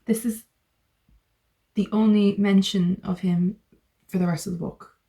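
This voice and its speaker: A woman's voice: medium pitch, steady tone, measured pace, vocal fry, dark tone, poor audio. A woman guest joining a casual book chat, with wry remarks. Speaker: guest co-reader.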